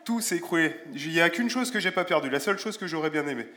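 A man preaching a sermon in a relaxed, conversational way, with self-deprecating humor and Bible verses read aloud. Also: fairly high pitch, rapid-fire, a little hiss or hum. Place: church.

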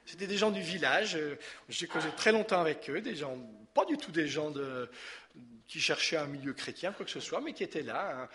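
A man's voice: a little high, animated, normal speed, sharp tone. A man, leading a church service, giving announcements and a blessing in a conversational, hesitant way with many fillers. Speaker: pastor. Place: church hall.

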